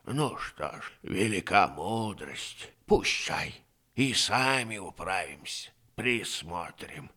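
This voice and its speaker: A man voicing a decrepit, fretful old valet in an audiobook, mumbling toothlessly and breathlessly in a raspy, folksy, drawn-out way. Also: sits low, animated, sharp tone, exaggerated voice. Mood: fretful grumbling. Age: older. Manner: drawn-out rustic grumbling and lamenting. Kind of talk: audiobook character reading.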